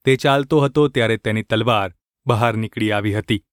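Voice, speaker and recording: A man reading scripture in a steady, measured narration. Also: on the low side, clean tone, dry recording, clean studio sound. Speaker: scripture reader.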